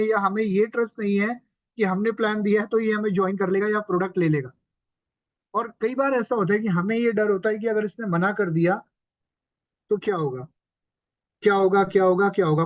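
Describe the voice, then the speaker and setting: A man with a fairly high voice teaches a sales training session. He explains points one at a time and keeps checking that his listeners follow. The sound is dry and close, with no room echo. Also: fairly even intonation, fast talker. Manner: explains step by step and checks in with the audience; mixes English terms into Hindi. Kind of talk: training lecture.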